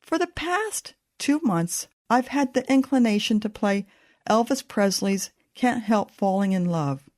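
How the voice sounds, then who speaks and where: A woman in her fifties, a podcast host, reading a scripted personal reflection in a measured, thoughtful way. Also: mid-range voice, animated, darkish tone.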